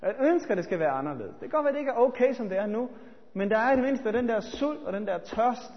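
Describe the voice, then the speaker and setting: A man preaching a sermon, swinging between loud urgent appeals and quiet reflective asides. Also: extremely high pitch, animated. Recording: dull sound with long church reverb.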